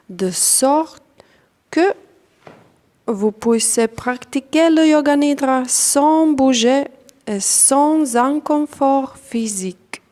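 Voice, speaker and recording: A woman whose French has a non-native accent serves as instructor for a guided yoga nidra meditation. Her fairly high voice stays calm and deliberate, and she uses short phrases with long pauses in between.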